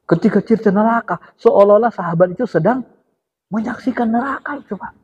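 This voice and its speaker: Husky-voiced male preacher in an echoey hall. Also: sits high, fast. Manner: lively, addresses listeners directly as sir, chants God's name. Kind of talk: sermon to a study gathering. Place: religious study gathering hall. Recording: echoey hall, dull lo-fi sound.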